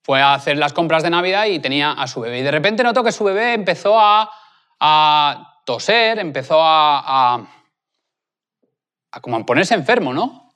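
Male preacher, Spain Spanish accent, slightly high voice, lively emphatic storyteller. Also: brisk. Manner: lively storyteller, stressing words with "super". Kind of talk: sermon with storytelling.

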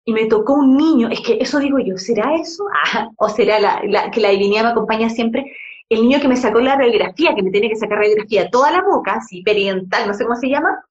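A woman's voice: a little high, fast talker, lo-fi sound. A woman hosting a live conversation, chatty and emotional, telling stories with many restarts. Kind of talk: casual chat.

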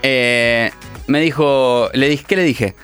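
Un hombre joven con acento rioplatense que cuenta anécdotas con ánimo e imita las voces de otros en una charla casual. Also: male voice, medium pitch, slow pace, faint music behind. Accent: Rioplatense Spanish. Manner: animated, acts out quoted voices. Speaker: radio show co-host. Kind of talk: casual storytelling chat.

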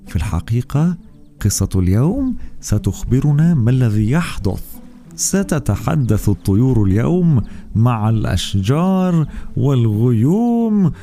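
A man's voice: medium pitch, gravelly. A man hosting a children's bedtime story podcast, narrating expressively to kids. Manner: warm-paced, expressive, addressing children. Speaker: storyteller host.

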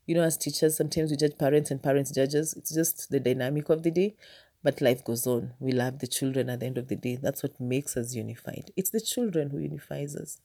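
A Kenyan woman with a Kenyan accent tells a personal story in a low voice. Her tone is mellow and relaxed, and she talks to her viewers in a chatty, humorous way. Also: brisk. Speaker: teacher telling a personal story. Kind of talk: casual storytelling vlog.

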